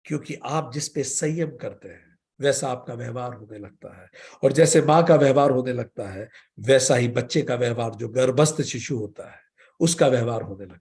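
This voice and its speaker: A man teaching yoga philosophy in a spiritual lecture, guiding with questions and stories and reciting sutras slowly. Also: medium pitch, a little mellow. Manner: slow, measured recitation of sutras.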